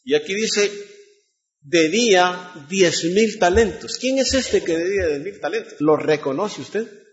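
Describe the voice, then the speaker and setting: A man's voice: sits high, expressive, unhurried, lo-fi sound. A man preaching a sermon, reading scripture and asking the congregation rhetorical questions.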